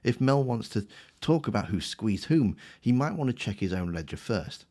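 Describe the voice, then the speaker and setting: Sarcastic, smug man with a lowish voice. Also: lively intonation, moderate pace, a little mellow. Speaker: political commentator. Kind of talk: scripted rebuttal commentary.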